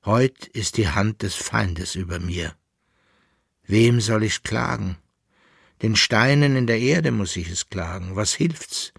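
A man's voice: takes it slowly, gravelly, husky, dry recording, clean studio sound, heavily acted. A man reading a frantic, wailing condemned man. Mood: solemn prayer. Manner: prays low and solemn, then cries out shrill and loud. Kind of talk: audiobook reading.

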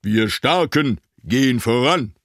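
A man reading an audiobook voices a boisterous crowd of big male forest animals in a loud, gravelly, rallying tone. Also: medium pitch, animated, takes it slowly, dry recording, studio quality. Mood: boastful.

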